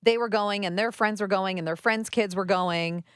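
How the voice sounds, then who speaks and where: A woman in her late thirties co-hosting a morning show, chatting casually with quick short replies. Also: medium pitch, clear, resonant tone, dry recording. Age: 30s. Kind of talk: casual radio chat.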